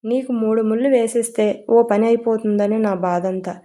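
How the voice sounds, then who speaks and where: A woman's voice: fairly high pitch, steady tone, normal speed, warm tone, close to an everyday voice. A woman voicing a stern, insistent mother. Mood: scolding. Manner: scolding, insistent. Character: middle-aged mother, stern, eager to marry off son.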